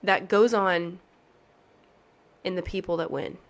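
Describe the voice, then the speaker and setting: A woman's voice: lowish voice, fairly even intonation, slow pace. Chatty, earnest woman pageant coach. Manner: chatty, earnest, motivational, emphatic. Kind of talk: casual podcast chat.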